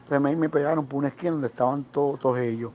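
With a Puerto Rican accent and a fast, mid-range voice, a man recounts true tales from his security guard days. He's slangy and animated, performing the voices of those he quotes, on a dull lo-fi recording with faint noise.

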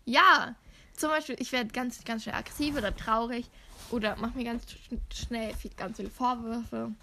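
Young woman, podcast co-host, casual chat, self-mocking, slightly high-pitched. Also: fairly even intonation, gravelly, pushed and bright, a little hiss or hum. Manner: chatty, self-mocking, quick asides.

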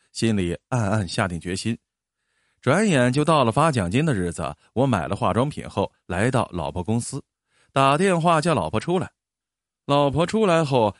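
A man narrating a first-person story in an expressive, storytelling manner. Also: mid-range voice, dry recording, studio quality.

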